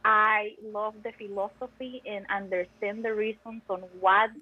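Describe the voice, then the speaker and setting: A young woman from Costa Rica, a native Spanish speaker with a Costa Rican accent, chats as a podcast guest; she's a PhD student in music education, talkative and emphatic. Her mid-range voice has a breathy edge and little pitch movement, and she keeps a measured pace. The audio sounds dull.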